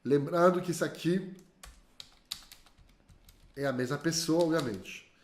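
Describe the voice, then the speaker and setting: A man teaching online, lively and drilling learners to repeat slowly after him. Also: a little high, slight background noise. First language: French. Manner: spells out sounds slowly and carefully. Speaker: French teacher. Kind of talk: online language lesson. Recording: echoey room.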